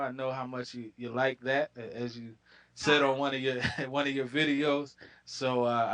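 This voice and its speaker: A man co-hosts a sports talk show at an ordinary middle pitch. He talks in a relaxed, friendly way and leans on easy fillers as he goes. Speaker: co-host.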